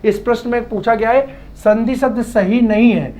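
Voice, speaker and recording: A man's voice: very high voice, steady tone, normal speed, a little mellow. A male teacher working through exam practice questions, often asking a question back and repeating the answer, stretching out key syllables. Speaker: Hindi exam-prep teacher. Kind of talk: classroom-style lesson.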